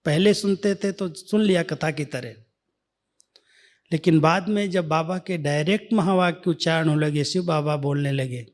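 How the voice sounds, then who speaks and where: A man giving a devotional talk, telling a spiritual life story in a measured way that sometimes drops to a near-whisper. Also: on the high side. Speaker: spiritual speaker.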